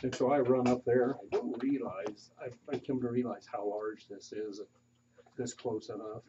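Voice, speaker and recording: A man with a dark, mellow voice plays a tabletop game and explains his character's moves plainly, with a wry touch. The sound is muffled and lo-fi with faint hiss. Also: medium pitch, fairly even intonation, normal speed. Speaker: player. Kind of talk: casual tabletop game play.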